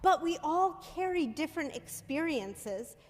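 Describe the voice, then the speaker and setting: A woman minister preaching a sermon into a pulpit microphone in a church sanctuary, measured and conversational, often asking the congregation "right?". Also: high voice, expressive. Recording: long reverb of a church hall.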